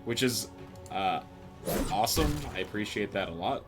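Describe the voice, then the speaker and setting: A man giving casual live commentary on a video game, musing aloud in a halting way as he plays. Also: on the low side, expressive, over music. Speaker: game streamer.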